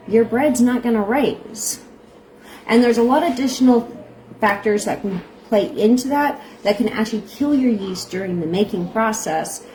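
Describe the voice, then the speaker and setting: A middle-aged woman with a strong accent, which she mentions herself, chats casually on a livestream, sharing bread-baking tips and greeting viewers by name. Her voice is medium-pitched and slightly dark. The audio is poor, with a little background noise.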